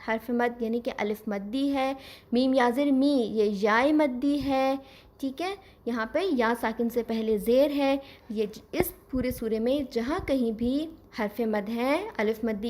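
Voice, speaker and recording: High-voiced woman teaching recitation. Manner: patient, explains step by step, slows down to model pronunciation. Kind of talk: scripted lesson.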